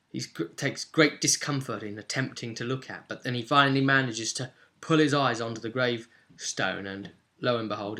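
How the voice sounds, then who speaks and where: With a mid-range voice and a sharp tone, a man acting as game master walks through what happened in a tabletop roleplaying session, keeping it informal while adding dramatic stress and suspenseful pauses.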